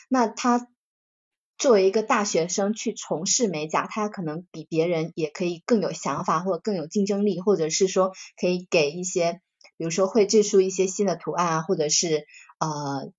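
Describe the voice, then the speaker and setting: A woman in a casual discussion, thoughtful and hesitant, often pausing and qualifying her opinions. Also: on the low side. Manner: thoughtful, hesitant, self-deprecating. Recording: dull lo-fi sound.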